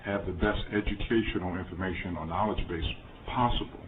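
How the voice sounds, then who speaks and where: A deep-voiced man, a senator, speaks slowly and deliberately, pausing often around his "uh"s. The sound is narrow and phone-like, and a clear hiss runs beneath his voice. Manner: slow, deliberate, with pauses and 'uh's. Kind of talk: committee remarks.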